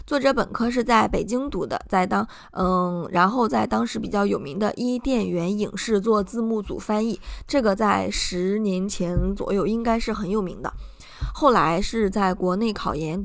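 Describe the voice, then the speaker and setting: A woman's voice: medium pitch, vocal fry, no room sound, studio quality. A woman hosting a book-review podcast, explaining study methods step by step in a patient way. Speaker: podcast host.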